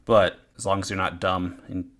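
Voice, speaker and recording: A man's voice: deep voice, level tone, normal speed, a bit bright. A young man co-hosting a podcast, telling rambling, nostalgic stories in casual chat, with frequent restarts. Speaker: podcast co-host.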